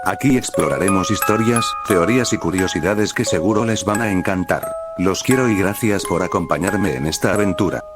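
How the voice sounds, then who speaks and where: Deep-voiced male storyteller. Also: normal speed, over loud music. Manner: even, read-aloud delivery. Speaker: storyteller, channel host. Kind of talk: scripted narration.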